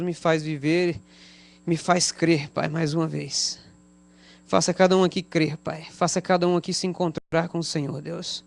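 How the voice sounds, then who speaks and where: Fervent Brazilian pastor praying aloud. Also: male voice, a little high, vocal fry. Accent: Brazilian Portuguese. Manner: fervent, repeats "Deus" and "Pai" between every phrase. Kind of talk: spontaneous spoken prayer. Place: church service.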